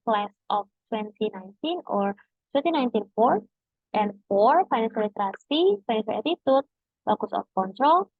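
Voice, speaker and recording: A young woman with an Indonesian accent delivers a formal student thesis presentation. Her delivery is halting and hesitant, at a middling pitch. The sound is close and dry, with a narrow, muffled, low-fidelity quality. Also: no room sound. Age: young adult. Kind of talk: formal academic presentation, reading out results. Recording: dull, muffled lo-fi audio.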